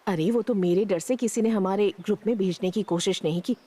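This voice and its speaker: A woman's voice: medium pitch, fairly quick, warm tone, lightly acted. A middle-aged woman dubbing a proud village teacher and mother who gossips and flares up. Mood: indignant. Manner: indignant, gossiping. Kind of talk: Hindi dub of a drama. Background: background music.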